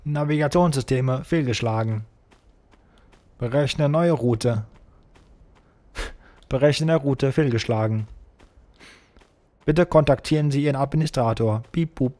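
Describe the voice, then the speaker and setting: A man's voice: medium pitch, slow, pauses often, a little mellow, natural voice. A man putting on a stiff robot voice while playing a game, announcing his status in clipped phrases and saying beep boop. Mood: mock-mechanical. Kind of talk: let's play commentary.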